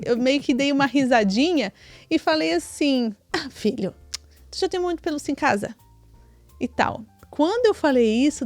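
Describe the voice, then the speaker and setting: Brazilian woman podcast co-host, lively storyteller, slightly high voice, dry close sound, soft music under. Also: dry recording. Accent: Brazilian Portuguese. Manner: chatty, many tag questions. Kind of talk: casual storytelling chat.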